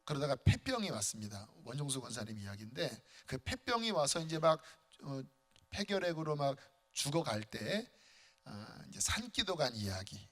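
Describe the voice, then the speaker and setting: A man's voice: medium pitch, fairly bright tone, slightly rough. Conversational male pastor mid-sermon. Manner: conversational, introducing a video clip.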